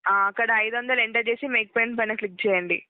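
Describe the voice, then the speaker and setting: A woman with a slightly high voice races through step-by-step instructions as a customer care agent on a phone call. She often repeats herself and checks that she's understood. The line sounds narrow and tinny, with no echo.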